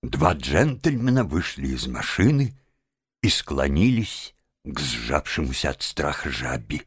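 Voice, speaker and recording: Expressive male audiobook narrator. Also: a bass voice, slow pace, breathy edge, no room sound, clean studio sound. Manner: expressive, lively storytelling.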